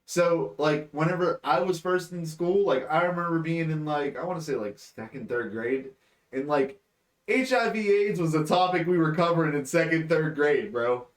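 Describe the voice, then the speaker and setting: A man's voice: on the high side, moderate pace. A man in his late twenties co-hosting a podcast, chatting casually and rambling with lots of fillers and swearing. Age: 20s. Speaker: podcast co-host. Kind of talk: casual chat.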